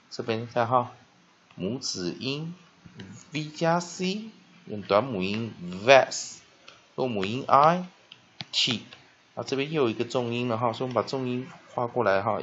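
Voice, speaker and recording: A man teaching English pronunciation, breaking words into syllables slowly and reading text aloud in a steady, deliberate way. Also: mid-range voice, dull audio, slight background noise. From Taiwan. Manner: drills words slowly syllable by syllable, then reads aloud loudly. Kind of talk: spelling and pronunciation lesson.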